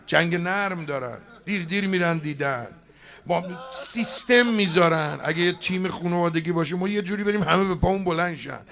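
A man giving a chatty, joking sermon at a religious gathering, now and then bursting out loudly. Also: high-pitched, creaky. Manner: chatty and joking, breaking into loud outbursts. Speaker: preacher. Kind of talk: conversational sermon. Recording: live crowd audible behind.

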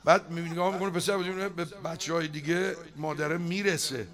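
A man giving a chatty, joking sermon at a religious gathering, now and then bursting out loudly. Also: a little high, fairly even intonation. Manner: chatty and joking, breaking into loud outbursts. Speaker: preacher. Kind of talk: conversational sermon. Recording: live crowd audible behind.

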